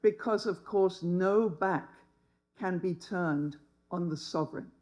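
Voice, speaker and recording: Slow, wry older woman. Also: on the low side, a little mellow, poor audio. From England. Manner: wry, humorous. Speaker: speaker. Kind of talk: personal storytelling talk.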